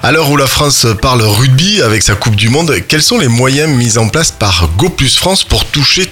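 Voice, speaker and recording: A man's voice: medium pitch, expressive, normal speed, sharp tone, breathy edge, soft background music. A man working as a radio interviewer, putting questions to a guest.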